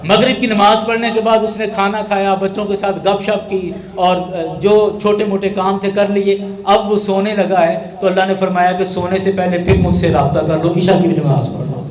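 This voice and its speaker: High-pitched preaching man, echoey hall. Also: little pitch movement, hardly any pauses. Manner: preaching, rhetorical questions. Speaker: Islamic scholar. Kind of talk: sermon.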